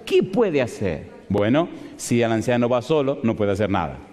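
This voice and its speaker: A male pastor giving a lively sermon, constantly asking the congregation questions. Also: mid-range voice, normal speed. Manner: animated, asks the congregation frequent rhetorical questions. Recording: long hall reverb.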